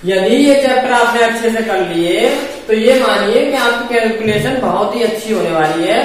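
Man teaching math, high voice, talks through steps with rhetorical questions, very echoey room, distant mic. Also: normal speed, a little hiss or hum. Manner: explains step by step, asks and answers his own questions. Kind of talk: exam-prep math lesson.

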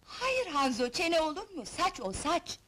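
An actress playing a gentle young woman who patiently coaxes and teaches. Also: extremely high pitch, sing-song, a little slow, full character voice. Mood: coaxing. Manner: patient, coaxing.

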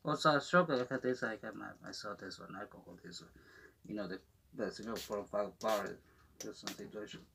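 A man speaking through a gas mask in halting, rambling non-native English, giving casual unboxing commentary as a vlogger. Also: lowish voice, creaky, a bit bright, slight background noise.

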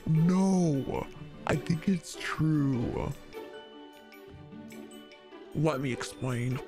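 A casual young homeowner in a game role-play, voiced by a man. The delivery is deliberate and slow, as if read from a script, over clear background music. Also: on the high side, pitched above the performer's own voice. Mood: casual, earnest. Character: young homeowner Jane, casual host to friends. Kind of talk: video game role-play, reading dialogue aloud.

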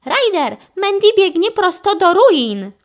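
Woman voicing a female pilot puppy, very high voice, urgent reports, kids' audiobook. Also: lively intonation, slow pace, a bit bright, exaggerated voice. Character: brisk female helicopter puppy. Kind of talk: children's audiobook character voice.

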